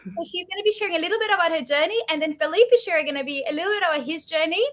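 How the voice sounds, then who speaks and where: A woman's voice: very high-pitched, very fast, fairly bright tone. A woman hosting an online masterclass, introducing speakers in an enthusiastic, gushing way. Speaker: webinar host.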